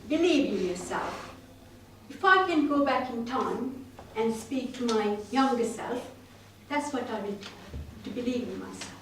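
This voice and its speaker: A woman's voice: a little high, expressive, measured pace, a bit bright, slight background noise. A woman from Sri Lanka giving a prepared club speech, telling her story in an earnest, self-deprecating way. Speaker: club speaker. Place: meeting room. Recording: roomy hall, mic at a distance.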